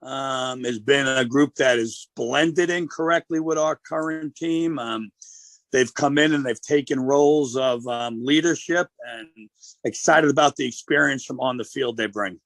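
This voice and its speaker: Male football coach as a radio guest; gravelly, steady, measured delivery, dry close sound. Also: medium pitch, dry recording.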